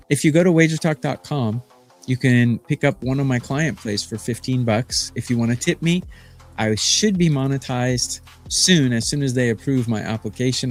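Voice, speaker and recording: Fifties guy on a live betting stream, bragging and rambling with lots of uhs, medium voice, faint music in the back. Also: medium pitch. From Phoenix, Arizona. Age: 50s. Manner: boastful, chatty, rambling with fillers. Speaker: sports betting handicapper.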